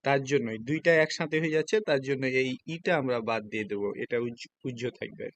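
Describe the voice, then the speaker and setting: This man speaks fast in a medium-pitched voice, with a little hiss or hum in the background. In Bengali and with a Bangladeshi accent, he gives a classroom Japanese lesson on hiragana, patiently explaining every step and often checking whether students follow.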